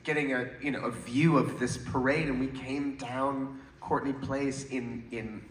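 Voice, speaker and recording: A man's voice: mid-range voice, unhurried. A man with a Liverpool accent chatting and joking on a convention panel, swearing casually. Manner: jokey, lively, swears casually. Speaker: panel guest. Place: large convention hall. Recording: echoey hall, crowd, noise, far mic.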